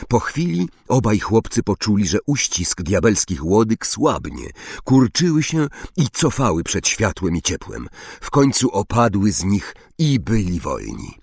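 A man reading a children's fantasy audiobook with expressive, dramatic storytelling. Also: on the low side, a little slow, vocal fry, husky, dry recording, studio quality. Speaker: narrator.

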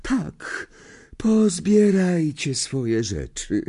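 A man's voice: big pitch swings, dark tone, husky, full character voice. A man voicing a dreamy, theatrical older female seer teacher in an audiobook, in a misty, quavering voice that drags out words melodramatically. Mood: languid. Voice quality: misty, quavering, swooping high voice. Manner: slow, melodramatic, drawn-out words. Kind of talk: audiobook character voice.

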